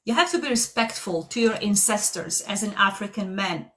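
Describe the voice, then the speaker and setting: A woman's voice: mid-range voice, animated, moderate pace, pushed and bright, slight background noise. A woman from Algeria, hosting a heated live debate in a pointed, insistent manner that cuts in often. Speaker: debate stream host.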